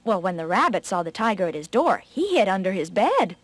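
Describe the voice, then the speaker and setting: Expressive female storyteller for children, dry close sound. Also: mid-range voice, fairly quick, dry recording.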